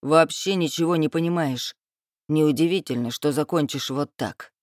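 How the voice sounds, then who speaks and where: A woman voicing a crude, menacing male thug leader in a slow, low, contemptuous drawl. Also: a little mellow, no room sound, studio quality, natural voice. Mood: scornful.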